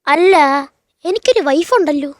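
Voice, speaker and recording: A man's voice: very high voice, normal speed, no echo, clean studio sound. A man playing a broke, scheming Dracula with a family in a comedy stage sketch, talking in a whiny, self-pitying way. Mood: grumbling. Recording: stage sketch under loud music.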